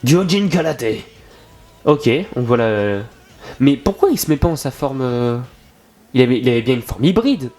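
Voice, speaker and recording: A young man streaming a live reaction to an anime, excitable and swearing often, with sudden high exclamations, talking into a desk microphone. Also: moderate pace, faint music behind. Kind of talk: casual live reaction commentary.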